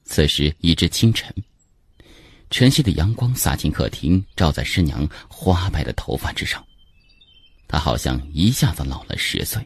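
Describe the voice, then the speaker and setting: A man narrating a dramatic story in scripted, expressive storytelling. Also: extremely low pitch, normal speed, slightly rough.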